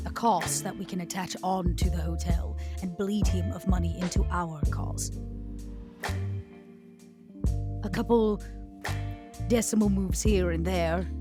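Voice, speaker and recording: In a tabletop roleplay, a woman voices a century-old vampire aristocrat who is elegant and scheming. Her phrasing is measured, formal, and deliberate, her voice lowish and only lightly acted.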